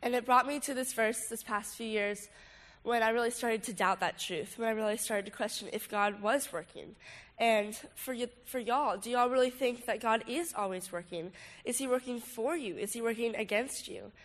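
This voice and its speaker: A woman's voice: a little high, moderate pace. A woman in her late teens with a congested, stuffy nose, giving an informal, casual testimony talk to a group while sick. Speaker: student speaker at a youth ministry gathering.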